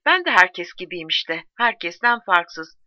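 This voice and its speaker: A woman's voice: on the low side, sing-song, a little slow, no room sound, highs cut off. A woman reading a weary brooding soldier.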